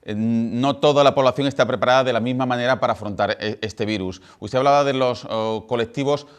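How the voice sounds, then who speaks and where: A man's voice: mid-range voice, brisk, clean tone. A man with an Andalusian accent hosting a TV news interview, presenting in a formal way. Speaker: news show host.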